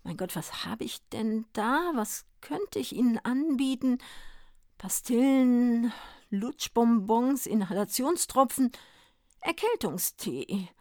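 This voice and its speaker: A woman's voice: fairly high pitch, lively intonation, takes it slowly, warm tone, no room sound, studio quality. Woman voicing a flustered, gushing shopkeeper. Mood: musing. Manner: gushing, stammering. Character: flustered, effusive male shopkeeper.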